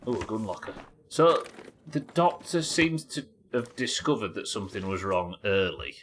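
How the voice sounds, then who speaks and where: A man giving casual live commentary as he streams a video game, thinking out loud. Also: lowish voice, sing-song, normal speed. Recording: faint background noise.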